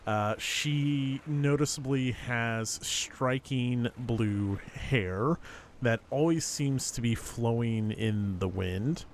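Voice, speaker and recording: A man with a medium-pitched voice runs a tabletop game. He hosts and narrates in a casual, conversational way, with faint noise and room ambience behind him. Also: slow. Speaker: game master and host.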